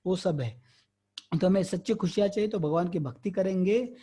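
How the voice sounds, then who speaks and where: A man gives an online spiritual lesson in an earnest, explaining way, posing rhetorical questions as he goes. His voice sits fairly high yet sounds mellow and husky. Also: normal speed. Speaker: spiritual teacher answering questions. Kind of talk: online Q&A lecture, Hindi mixed with English. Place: online class.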